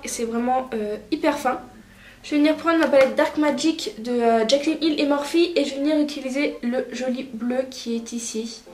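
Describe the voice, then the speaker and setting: A woman narrating a makeup tutorial as a vlogger, chatty and relaxed with lots of filler words. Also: high-pitched. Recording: roomy echoey room, faint music.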